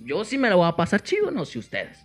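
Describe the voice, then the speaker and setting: A man's voice: high-pitched, wildly swooping pitch, fast talker. A young man with a Mexican Spanish accent, telling funny stories on a comedy podcast, swearing often and laughing a lot. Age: young adult. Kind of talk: casual banter.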